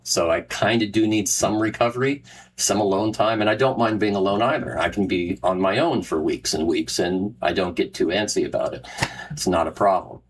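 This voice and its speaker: A middle-aged man with a low voice hosts a casual solo talk show for live listeners, rambling, restarting often, and laughing at himself. He's a podcast host and Renaissance fair performer, heard over slight background noise in poor audio.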